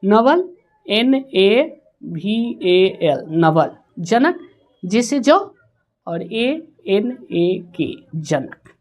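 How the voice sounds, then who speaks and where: A woman teaching a spelling lesson, slowly sounding out words letter by letter. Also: medium pitch, very animated, darkish tone.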